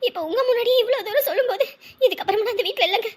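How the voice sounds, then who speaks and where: A woman's voice: extremely high pitch, very fast. A woman voicing a scheming, scolding middle-aged stepmother in a cartoon, nagging as she talks. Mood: falsely hurt. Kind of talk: Tamil cartoon voice acting.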